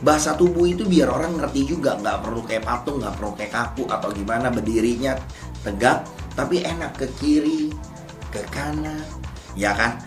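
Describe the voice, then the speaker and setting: A man's voice: medium pitch, moderate pace, reverberant, music in the background. A man, an MC, giving slangy, casual public speaking tips. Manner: loose slangy teaching, bursts into loud showy MC announcer demos. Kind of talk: casual instructional talk.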